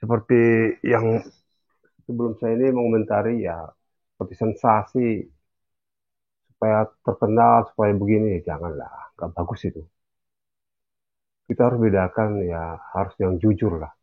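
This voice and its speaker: Pria bersuara telepon yang menasihati. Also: male voice, fairly low pitch, normal speed, pauses often. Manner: earnest, admonishing. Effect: heard over a phone line. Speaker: caller joining an online discussion. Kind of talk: casual opinion sharing. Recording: tinny phone-line sound.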